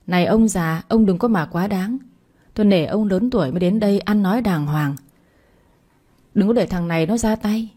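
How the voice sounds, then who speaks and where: A woman's voice: medium pitch, moderate pace, mellow, natural voice. A woman voicing an arrogant, spiteful young husband who sneers and swears at his father-in-law, in storytelling narration. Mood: threatening. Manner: sneering, cursing.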